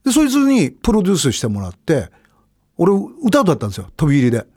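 A middle-aged man hosting a radio show, telling his own stories in a casual, animated way that swings between loud bursts and low mumbles. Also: fast talker, husky, no room sound, clean studio sound. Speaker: radio host. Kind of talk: casual storytelling monologue.

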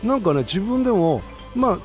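Lively-voiced man in his fifties hosting radio. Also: high voice, moderate pace, soft background music. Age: 50s. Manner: rambling, chatty storytelling. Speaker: radio host. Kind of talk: casual late-night radio talk.

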